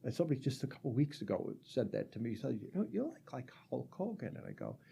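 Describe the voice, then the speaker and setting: Gravelly older man, low and mellow. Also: huge pitch swings, quick pace, slight background noise. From Rochester area, New York. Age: 60s. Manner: chatty, rambling, frequent fillers and restarts. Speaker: guest. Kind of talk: casual conversational storytelling.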